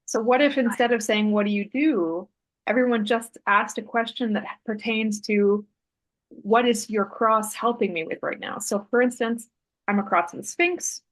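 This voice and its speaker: A woman guest in a relaxed interview, telling a story in a thoughtful, meandering way, with fillers and self-corrections. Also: on the high side, moderate pace, poor audio. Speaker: interview guest, artist and Human Design author.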